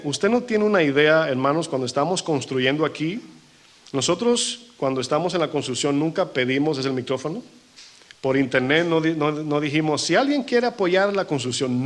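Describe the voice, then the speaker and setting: Male pastor delivering a sermon, fairly high voice, lively quoted voices. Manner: preaching to a congregation, acting out quoted voices. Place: church.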